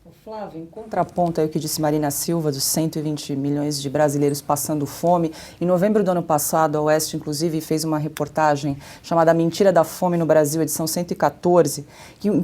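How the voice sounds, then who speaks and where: A woman with a Brazilian Portuguese accent hosting a political talk show, reading out figures in a measured way. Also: low-pitched, a little mellow. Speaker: host. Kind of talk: presenting data on a news talk show.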